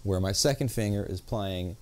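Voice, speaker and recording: A man's voice: on the low side, moderate pace, a little mellow. A man giving a jazz guitar video lesson, explaining patiently and counting beats aloud. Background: guitar playing between explanations.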